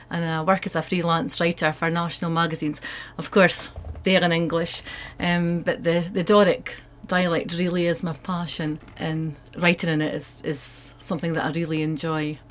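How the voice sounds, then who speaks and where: A woman's voice: lowish voice, flat delivery, moderate pace, few pauses, slight background noise. A woman with a North East Scottish accent, an author answering questions in an interview. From North East Scotland. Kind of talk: interview answers about own work.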